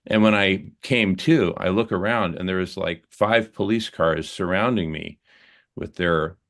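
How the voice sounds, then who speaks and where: In a group conversation, a man with a low voice shares a personal story. He sounds earnest and reflective, speaking haltingly with fillers and restarts.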